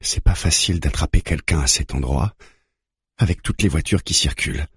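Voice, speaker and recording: A man's voice: a bass voice, normal speed, slightly rough, dry recording, studio quality, full character voice. A man reading the part of a frightened, suspicious woman patient in an audiobook. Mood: wary. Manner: agitated and suspicious, shouts when cornered.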